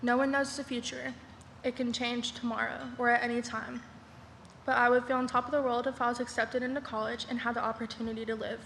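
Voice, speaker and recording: A young woman reading a prepared speech from a podium, steady and earnest. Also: fairly high pitch. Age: young adult. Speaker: honoree giving a speech. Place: large banquet hall. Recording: hall reverb with faint noise.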